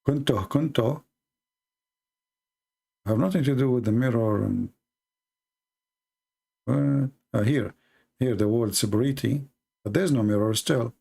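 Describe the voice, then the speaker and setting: A man talks slowly through a late-night livestream, halting and mocking with sarcastic asides. His voice has a gravelly fry running through it. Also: mid-range voice, dark tone. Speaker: online debate streamer.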